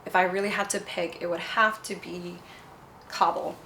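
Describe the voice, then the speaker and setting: A woman's voice: on the low side, fairly even intonation, normal speed, pushed and bright, a little hiss or hum. A young woman from Nepal, a cosmetics founder, answering interview questions in a bubbly, chatty way. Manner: bubbly, chatty, fond of fillers like "you know".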